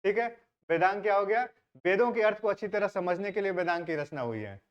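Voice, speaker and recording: In an exam-prep history lecture, a male teacher with a high voice talks fast, posing questions to the class and answering them himself while mixing in English words. The recording has a dull lo-fi sound.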